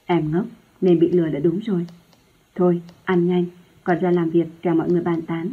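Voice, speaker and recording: A woman voicing an earnest young man in love who argues firmly but respectfully with his mother, in a husky low voice. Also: little pitch movement, a little fast. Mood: teasing. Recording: tinny phone-like lo-fi sound.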